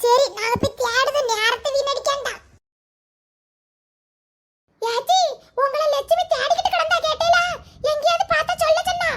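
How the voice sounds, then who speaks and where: A woman voicing an excitable young village woman, chattering and gossiping. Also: very high-pitched, moderate pace, pauses often. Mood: chatty.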